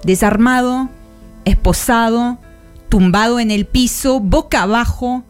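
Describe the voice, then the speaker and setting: A woman columnist narrating a radio segment on history in a slow, dramatic storytelling manner. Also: on the high side, soft background music. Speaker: international affairs columnist.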